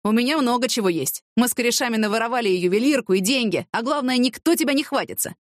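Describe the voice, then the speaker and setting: A woman's voice: fairly high pitch, quick pace, no room sound, studio quality, pitched above the performer's own voice, lightly acted. A woman voicing a cornered male thug who pleads and bargains in coarse slang. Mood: pleading.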